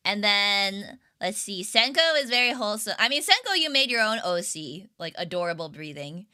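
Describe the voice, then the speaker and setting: Bright, giggly young woman streamer. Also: medium pitch, big pitch swings, normal speed, clean tone. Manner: rambling and giggly, with lots of fillers. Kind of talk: casual livestream chat with viewers.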